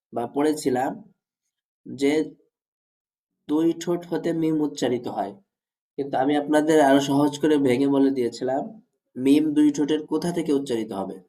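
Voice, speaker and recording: A man's voice: on the high side, dark tone, poor audio. Methodical male Quran pronunciation teacher. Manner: methodical, addresses students formally, repeats points. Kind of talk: lesson.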